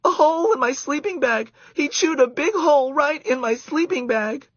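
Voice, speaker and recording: A man voicing a shrill, excitable young girl at summer camp in a storybook reading. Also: measured pace, no room sound, exaggerated voice. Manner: shrill, squealing. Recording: dull lo-fi dry recording.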